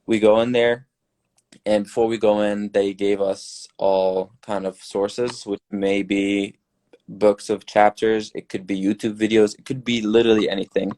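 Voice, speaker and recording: A young man from Syria, a newly graduated dentist, giving earnest, relaxed advice as a podcast guest. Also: fairly low pitch, unhurried. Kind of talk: casual podcast chat.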